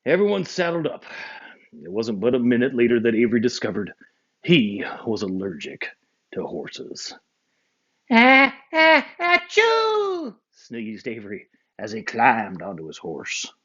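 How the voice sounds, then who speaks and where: A man reads a children's picture book aloud with a very lively, swooping voice. He drops low and quiet for the narration tags. The recording sounds muffled and lo-fi. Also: normal speed, breathy edge. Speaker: storybook reader. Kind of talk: children's storybook read-aloud.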